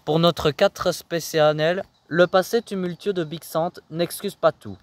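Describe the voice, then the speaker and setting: A man's voice: fairly high pitch, steady tone, measured pace, no echo. A man delivering scripted reality TV voice-over with emphatic, dramatic phrasing. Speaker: narrator.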